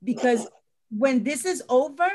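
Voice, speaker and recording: A woman's voice: sits high, lively intonation, measured pace, darkish tone. A middle-aged woman teacher talking earnestly in a panel discussion, often repeating words as she stresses a point.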